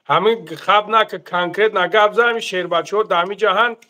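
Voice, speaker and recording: A man with a Tajik accent hosting a live stream, pleading with viewers for donations and reading out numbers slowly. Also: sits high, sharp tone.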